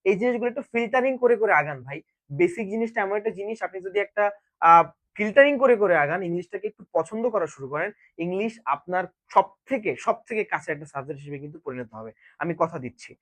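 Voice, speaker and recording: Guy teaching grammar super fast, keeps asking the viewers stuff n answering himself. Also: high voice, animated, fairly bright tone, dry recording. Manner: repeats questions to viewers and answers them himself. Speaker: English teacher. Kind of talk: classroom-style grammar lesson.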